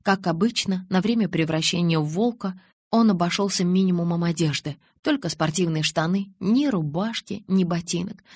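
A reader tells a novel in first person, steady and scripted. The sound is dry and close, with no room around it. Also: medium pitch, normal speed, slightly rough, no echo. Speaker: audiobook reader. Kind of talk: scripted audiobook narration.

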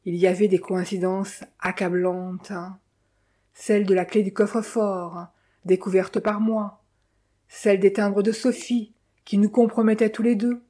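A woman reading a mystery novel aloud in measured, dramatic first-person narration. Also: mid-range voice, steady tone, dark tone. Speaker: audiobook narrator.

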